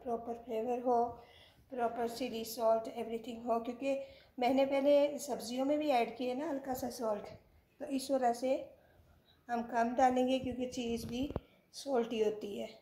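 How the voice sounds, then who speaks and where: A woman's voice: on the high side, steady tone, moderate pace, warm tone, slight background noise. A woman hosting her own home cooking channel, walking viewers through a recipe step by step in a chatty way and slipping English words into her speech.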